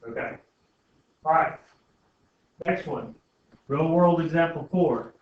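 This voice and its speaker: A slow-speaking algebra teacher with a voice on the high side talks through a casual lesson, often turning to his students with questions as he thinks aloud. Heard through a distant mic in a very echoey indoor classroom, the sound is muffled and carries faint noise.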